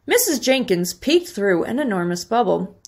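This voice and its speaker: Woman, teacher, picture-book read-aloud, expressive, measured, lively pitch.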